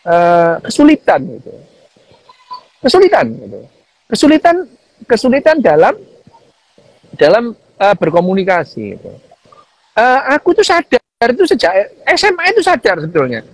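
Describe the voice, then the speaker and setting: A neuroscientist guest on a casual livestream chat talks animatedly with lively pitch at a normal speed, pausing often, mixing in Javanese phrases and repeating "gitu". The recording is rough, with no room sound.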